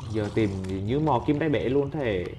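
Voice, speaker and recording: A man commentating his own gameplay, excitable and talking back at the other players. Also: mid-range voice, normal speed, a little hiss or hum. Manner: excitable, talks and swears at on-screen opponents. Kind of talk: let's play commentary. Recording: game music playing under the voice. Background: game music and sound effects.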